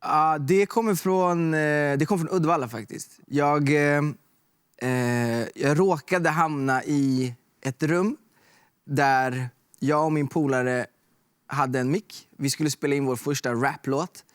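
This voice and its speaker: A man's voice: on the high side, clear, resonant tone, no room sound. Young male guest, loose and chatty, fills his talk with filler words, dry close sound. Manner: relaxed storytelling with fillers like "liksom" and "typ". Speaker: guest artist. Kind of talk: casual chat.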